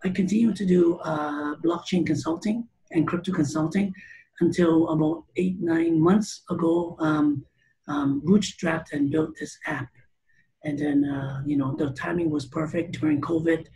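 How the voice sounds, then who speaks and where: A man's voice: fairly high pitch, a little slow, gravelly, warm tone, low-quality recording. A middle-aged man from Canada, a startup founder being interviewed over a video call, talking casually with many fillers and restarts. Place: room with teal curtains. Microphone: video call webcam.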